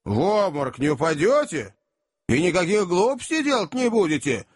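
A sly, kind-hearted traveller from an audiobook, played by a man. He speaks with a knowing, confiding air. His husky voice rises and falls in lively swings. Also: high voice, normal speed, voice pushed up, heavily acted. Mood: soothing. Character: sly, good-hearted male traveller, mysterious and teasing.

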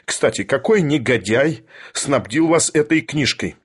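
A man reading an audiobook, voicing an imperious, irascible older professor who lectures, mocks and thunders, with a husky voice. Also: mid-range voice, animated, measured pace. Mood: thundering. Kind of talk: audiobook character voice.

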